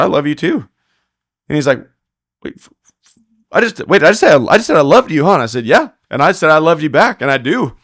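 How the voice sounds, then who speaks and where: Man, podcast guest, casual storytelling, acts out quotes, dry close sound, mid pitch. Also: dry recording. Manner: animated retelling, acting out quoted talk; frequent laughter, restarts. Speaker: podcast guest, rodeo heeler.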